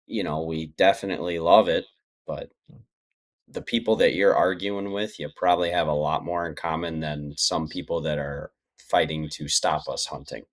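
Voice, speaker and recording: A man's voice: a bass voice, fairly even intonation, moderate pace. A man chatting casually as an interview guest, talking in a plainspoken, reflective way. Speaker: podcast guest.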